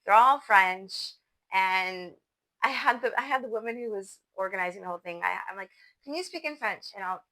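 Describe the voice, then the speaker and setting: A woman's voice: medium pitch, moderate pace, pushed and bright, poor audio. A young adult woman vlogging, telling a personal story in a casual, enthusiastic way, full of fillers like "like" and "you know.".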